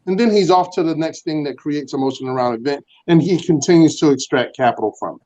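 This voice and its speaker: A man's voice: fairly high pitch, warm tone. Earnest man on a muffled video call. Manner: earnest, pausing with fillers and restarts. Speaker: panelist. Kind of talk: virtual panel discussion.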